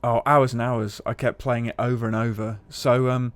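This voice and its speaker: A man, co-hosting a casual chat over gameplay footage, relaxed and chatty with casual swearing. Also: medium pitch, moderate pace, smooth, no echo. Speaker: games journalist, co-host.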